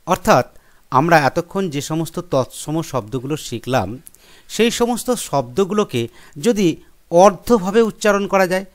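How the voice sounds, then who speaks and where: A man teaching a school grammar lesson, explaining step by step and listing examples one by one. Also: a little high. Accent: Bengali. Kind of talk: classroom lesson.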